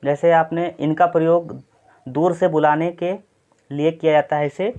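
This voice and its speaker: A man leads a Hindi grammar lesson for exam candidates, his voice sitting a touch higher than most men's. He works through each point patiently and repeats it. The sound is a little muffled and lo-fi. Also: flat delivery, measured pace, a little mellow. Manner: explanatory, repetitive, frequent "thik hai" check-ins. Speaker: teacher. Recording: slightly dull lo-fi sound.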